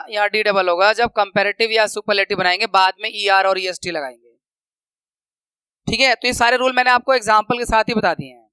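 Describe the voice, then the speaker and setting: A man teaching a grammar lesson, patiently explaining slides and slowly repeating example words. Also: high voice, pushed and bright, smooth, no room sound, low-quality recording.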